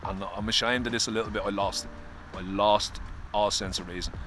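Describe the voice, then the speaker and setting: A man's voice: on the low side, fairly even intonation, fairly quick, fairly bright tone, slight background noise. Earnest Irish man vlogging outdoors. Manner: earnest, confessional, swears casually. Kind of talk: candid personal vlog. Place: outdoors in the cold.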